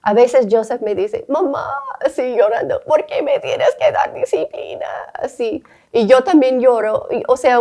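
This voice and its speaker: Mellow-voiced woman co-hosting a faith chat. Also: on the high side. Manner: warm-hearted, candid, quick to laugh. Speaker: co-host.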